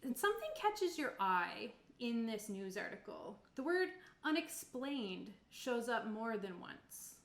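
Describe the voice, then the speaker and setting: Fairly high and sing-song, this woman's voice moves a little slowly yet barely pauses. She's the Cape Breton Island, Canada, game master of a tabletop roleplaying stream, casually narrating and chatting in a playful manner, and the room echoes.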